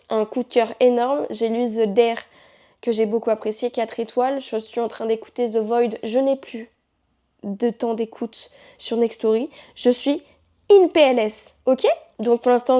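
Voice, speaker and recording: A young woman chatting about books straight to her camera. Her voice sits a little high but sounds soft and mellow. She rambles playfully and corrects herself often. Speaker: book vlogger. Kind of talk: casual chat to camera.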